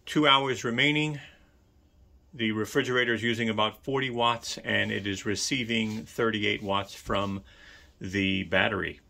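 A man with a lowish, gravelly voice walks through a product test in a casual, chatty way. He addresses the viewer directly as he reads out numbers. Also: steady tone, measured pace, pushed and bright. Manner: chatty, talks straight to the viewer. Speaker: product reviewer. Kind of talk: casual tech review.

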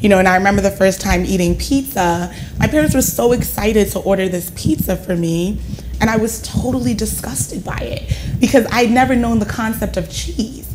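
Telling animated stories and frequently adding "right?", this Ghana-born, US-raised woman speaks with an American accent in a medium pitch at a moderate pace. She's an education reformer chatting casually as a talk-show guest on an indoor living-room studio set, captured by a lapel mic with background noise.

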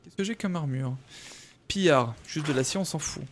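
A man's voice: a little high, moderate pace, a little hiss or hum. A young man casually commenting on his game live, thinking aloud and answering viewers in chat. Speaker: streamer.

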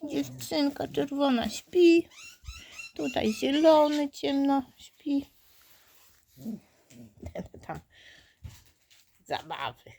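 A woman coos over puppies in a high, sing-song voice that swoops up and down. She talks slowly and tenderly, slipping into whispers, with a gravelly catch in her voice. Faint noise sits behind her. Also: animated, dark tone. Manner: cooing, affectionate baby-talk to the puppies, often dropping to a whisper. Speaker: dog breeder. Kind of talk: casual talk to her puppies on camera. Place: indoors at a puppy pen.

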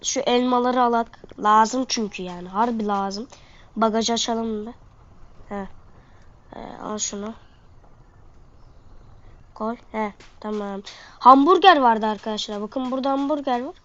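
A woman's voice: a little high, unhurried, long pauses, fairly bright tone. A woman with a congested, sniffly nose giving casual, slangy gameplay commentary to her viewers. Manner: slangy, talking to viewers while playing. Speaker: gaming video host. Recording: dull lo-fi microphone sound.

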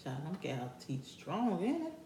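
Woman, mouth full of crab, drawling casual chat, soft dark tone, faint background noise. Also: lowish voice, huge pitch swings, a little slow. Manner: chatty, drawling, hums between bites. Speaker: mukbang vlogger. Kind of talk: casual chat while eating. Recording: echoey room with faint background hum.

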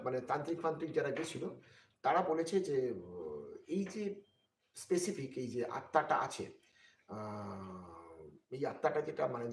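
A man telling a ghost story on a live stream in a slow, hesitant way, with many fillers and frequent checks with his viewers. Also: medium pitch. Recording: echoey room with faint noise.

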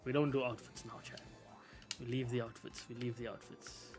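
A man's voice: mid-range voice, little pitch movement, normal speed, over music. Laid-back slangy gamer guy. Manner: slangy, laid-back, thinks aloud with frequent laughs. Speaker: gaming YouTuber. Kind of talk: casual game walkthrough commentary.

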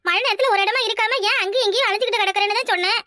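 A shrill cartoon busybody of a big sister, acted by a woman, scolding and fussing. Her voice sits extremely high and comes out sharp and bright. It is recorded dry and close, with no room around it. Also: rapid-fire, no echo. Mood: coaxing. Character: scolding, nosy village elder sister, grown woman. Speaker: cartoon character. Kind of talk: cartoon voice acting.

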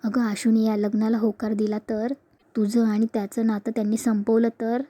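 A woman's voice: fairly high pitch, flat delivery, normal speed, warm tone, dry recording, lightly acted. A woman voicing an anxious middle-aged mother scolding her daughter.

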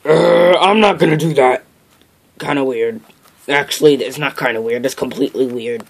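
A man's voice: medium pitch, moderate pace, gravelly. A man voicing a blunt, defensive pig henchman in an improvised cartoon puppet show. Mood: puzzled.

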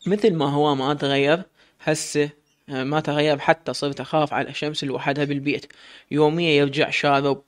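A man's voice: fairly high pitch, close to an everyday voice. A man voicing a weary, humble mother who works as a servant, speaking. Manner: deferential, worried.

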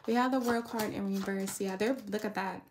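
A tarot reader speaks fairly quickly in a mid-range voice with fairly even intonation, background noise behind her. She rambles casually and conversationally, frequently asking "right?" and adding "you know."

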